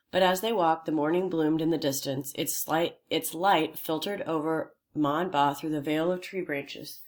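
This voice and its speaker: A woman reading a children's novel aloud in a steady, unhurried storytelling voice. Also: deep voice. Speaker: audiobook reader.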